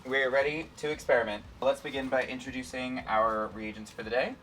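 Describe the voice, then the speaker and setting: Bright, forceful man explaining an experiment. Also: mid-range voice, steady tone, brisk, far from the mic, a little hiss or hum, poor audio. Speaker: science show host and demonstrator. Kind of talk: casual, playful lesson explaining an experiment.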